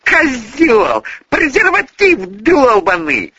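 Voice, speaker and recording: Guy doing a screechy drunk jealous young woman, cussing and hissing, way high, muffled lo-fi audio. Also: very animated, takes it slowly, pushed and bright, no echo, exaggerated voice. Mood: enraged. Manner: shrill, hissing, foul-mouthed tirade.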